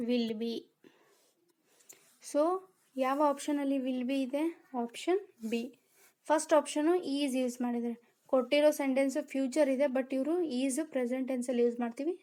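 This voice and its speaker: A woman's voice: sits high, fairly even intonation, mellow. A woman teaching English grammar for exams, explaining step by step and asking rhetorical questions. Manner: mixes Kannada with English terms; reads English sentences slowly. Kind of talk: exam-prep lesson.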